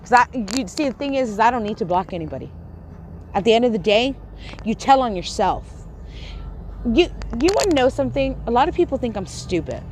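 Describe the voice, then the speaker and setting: Ranting angrily and confrontationally at her chat during a livestream, a Texan YouTuber swears, stutters, lisps, and keeps repeating and restarting lines. Her voice is a little high and a little mellow, very animated and fairly quick, with a slight hiss or hum in the recording.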